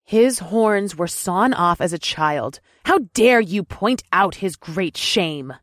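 A man's voice: high voice, very animated, a little slow, no echo, studio quality, pitched above the performer's own voice, full character voice. A man voicing a purring, sly horned woman. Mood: indignant. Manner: purring, teasing, flares into hissing anger. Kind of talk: audiobook character voice.

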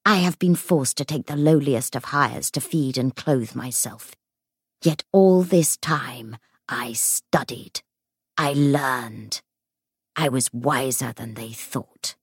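A woman voicing the murdered ghost of a bitter male warlock, with a hollow, hissing voice and a slow, brooding delivery. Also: rumbling low, breathy edge, no echo, studio quality, voice pushed down, heavily acted. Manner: slow, brooding, sinking to a whisper.

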